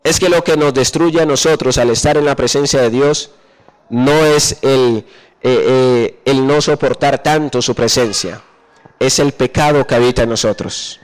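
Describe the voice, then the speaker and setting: A man preaching a sermon, often pausing mid-verse to ask his listeners what comes next and slowing down to drop low on key phrases. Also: low-quality recording. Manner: asks the congregation questions and pauses for answers.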